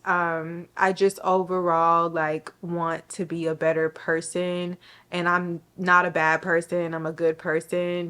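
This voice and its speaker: Tearful young woman with a flat, low voice. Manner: halting, with restarts and soft pauses. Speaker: vlogger sharing her faith testimony. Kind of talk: emotional personal testimony to camera.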